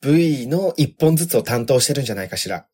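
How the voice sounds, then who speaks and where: A man's voice: mid-range voice, lively intonation, fast talker, darkish tone, husky. A man playing a haughty rich young lady, chatting as a comedy radio host in politely feminine Japanese rich-girl speech. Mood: prim, explanatory. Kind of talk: comic advice chat in character.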